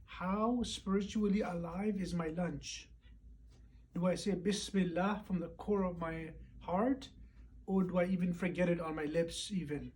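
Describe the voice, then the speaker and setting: A hoarse man who is losing his voice gives a casual, reflective recap of a Friday lecture at home, pausing often and using fillers. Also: high voice, steady tone, a little mellow, a little hiss or hum. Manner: unhurried and reflective, with frequent pauses and fillers.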